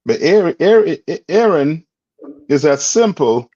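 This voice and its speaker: Quizzing and prodding his students, a man teaches a religious class in call-and-response style. His fairly high, dark-toned voice swings widely in pitch and runs a little slow. It's captured in a dull, dry lo-fi recording with no echo.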